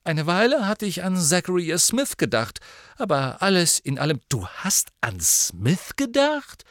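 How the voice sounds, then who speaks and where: Brisk earnest schoolgirl witch, raised pitch, read by a man, dry close sound. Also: lively intonation, a bit bright, no room sound. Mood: matter-of-fact. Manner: brisk, matter-of-fact.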